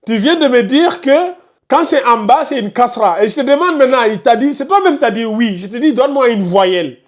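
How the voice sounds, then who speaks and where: A man's voice: very high voice, expressive, fairly quick. A man teaching a Quran recitation class. He repeats his explanations step by step and scolds students who are not following. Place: classroom with a board.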